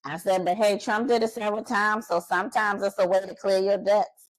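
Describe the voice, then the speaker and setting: A woman's voice: mid-range voice, fairly even intonation, a little fast, dry recording, rough recording. A woman co-hosting a casual reality TV recap, blunt and shady, acting out what people said. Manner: blunt, shady, acts out quotes. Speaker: podcast co-host.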